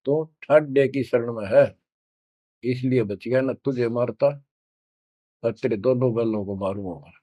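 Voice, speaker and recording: Man voicing a furious small male ghost, slow threatening scolding, plain storyteller delivery. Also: medium pitch, warm tone, dry recording, natural voice. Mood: angry.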